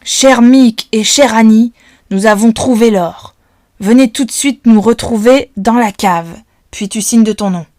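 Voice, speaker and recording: A woman voicing a gruff, threatening grown man who holds children captive, menacing and domineering. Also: mid-range voice, brisk, darkish tone, no echo, clean studio sound, lightly acted. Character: gruff threatening adult male kidnapper.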